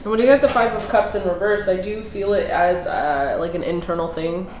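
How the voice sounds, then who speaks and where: A woman gives a casual tarot reading in a fairly low, slightly mellow voice, speaking a little fast. She sounds nasal and under the weather, clears her throat, and thinks aloud with fillers and restarts. The low-quality recording is reverberant with some hiss or hum.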